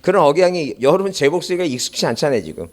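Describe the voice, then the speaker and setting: Rapid-fire and expressive, a slightly high-voiced man gives an exam-prep talk in an academy classroom. His mic sits behind a face mask, muffling him as he wanders into asides and then tests students with rhetorical questions.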